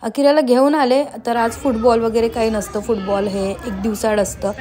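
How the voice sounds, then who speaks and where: A woman in her thirties, a homemaker vlogging casually at home, chatty with frequent pauses and fillers. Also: a little high, steady tone. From Maharashtra, India. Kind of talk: casual vlog chat and voice-over.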